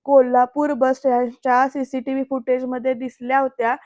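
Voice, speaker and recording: Woman doing brisk cop inspector guy, official, high flat voice, dry audio. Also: no room sound, close to an everyday voice. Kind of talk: quoting lines in a serial recap. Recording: dry, slightly muffled voice-over.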